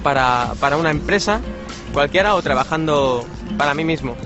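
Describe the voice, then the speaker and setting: A man's voice: on the high side, expressive, moderate pace, dull audio, over music. A young man in a street interview, hesitant and searching for words.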